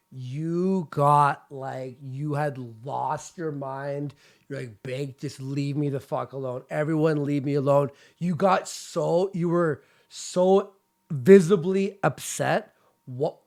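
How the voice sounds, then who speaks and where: Male podcast host firing rambling questions. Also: fairly high pitch. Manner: quick, stumbling questions with restarts. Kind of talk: casual chat.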